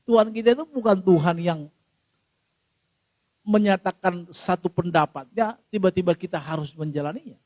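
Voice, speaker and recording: A middle-aged male pastor preaches a sermon built around an emotional personal story, often speaking straight to the congregation and swinging between loud and hushed. His voice is high-pitched at a normal speed, recorded dry.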